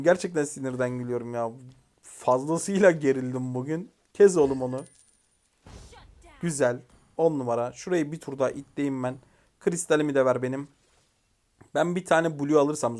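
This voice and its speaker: A young man commentating his own mobile game match, excitedly shouting commands at teammates and venting frustration. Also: mid-range voice. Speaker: gaming YouTuber. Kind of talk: live gameplay commentary.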